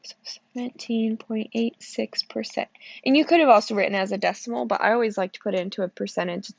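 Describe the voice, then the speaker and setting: A woman's voice: medium pitch, racing, creaky, no echo, muffled recording. A woman teacher walking through probability problems step by step, sleepy and checking in with "okay?" as she goes. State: sleepy, yawning. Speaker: math teacher. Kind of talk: recorded classroom lesson walkthrough.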